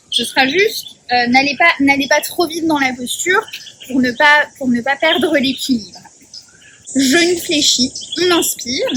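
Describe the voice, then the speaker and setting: High bright woman guiding yoga. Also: a little hiss or hum, poor audio. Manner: calm, gentle cueing of breath and poses. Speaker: yoga teacher. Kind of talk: guided yoga class instruction. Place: outdoor garden.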